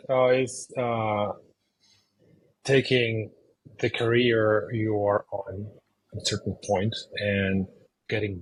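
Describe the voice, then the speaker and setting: A man from Chile in his thirties, a video game designer answering interview questions in English, pausing often with fillers and restarts. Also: lowish voice, slight background noise, poor audio. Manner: hesitant, many fillers and restarts.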